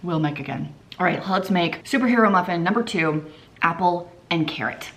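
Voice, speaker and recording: A woman's voice: on the low side, animated, moderate pace, background noise. A woman in her thirties in a casual cooking vlog, chatty and upbeat, talking through recipes in her home kitchen. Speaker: cooking vlogger.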